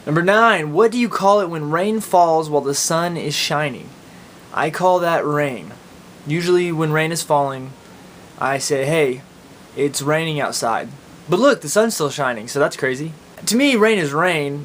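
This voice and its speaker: A man with an Oklahoma accent chatting casually and informally as a video blogger. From Oklahoma, United States. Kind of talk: casual chat to camera, answering accent tag questions. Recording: steady background noise with low rumble.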